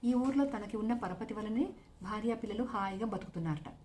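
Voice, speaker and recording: A woman narrating a serialized novel aloud in a steady storytelling manner. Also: medium pitch, brisk, slight background noise.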